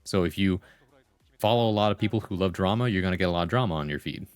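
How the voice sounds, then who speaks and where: A man with a low voice hosts a livestream in a dry, close recording. He talks casually and slangily, moving between reading comments and answering them conversationally. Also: fast talker, clear, resonant tone, no room sound, faint music behind. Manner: slangy, conversational, full of "like" and "bro". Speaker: livestream host. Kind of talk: casual chat with viewers, reading comments aloud.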